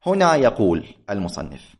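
A man's voice: lowish voice, wildly swooping pitch, moderate pace, vocal fry, slightly rough. Patient man teaching grammar. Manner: patient, repetitive, checks understanding with questions. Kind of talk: classroom lecture.

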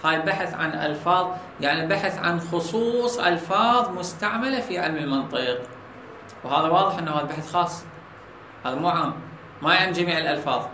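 A man with an Iraqi Arabic accent teaching a logic lesson, often asking his students whether the point is clear. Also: a little high, expressive, fast, sharp tone, a little hiss or hum. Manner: asks students checking questions. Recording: echoey room with faint ambience.

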